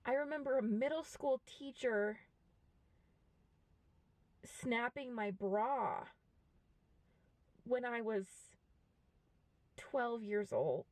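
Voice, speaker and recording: A woman in her twenties talking frankly and reflectively to a camera, with many pauses. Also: on the high side, darkish tone, no room sound. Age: 20s. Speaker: vlogger. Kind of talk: candid personal monologue to camera. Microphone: camera mic.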